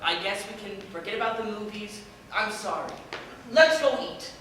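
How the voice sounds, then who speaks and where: A woman's voice: mid-range voice, animated, moderate pace, a bit bright, a little hiss or hum, lightly acted. A woman playing a frazzled, put-upon young woman in a stage play, rambling and defensive, recorded from far off on an echoey stage. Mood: weary. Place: theatre stage.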